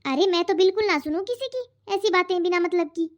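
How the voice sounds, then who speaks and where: A spirited young cartoon daughter, voiced by a woman, arguing back in a very high voice. The sound is muffled and lo-fi. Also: fairly quick. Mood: protesting. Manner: protesting, argumentative. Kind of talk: cartoon voice acting. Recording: dull lo-fi audio.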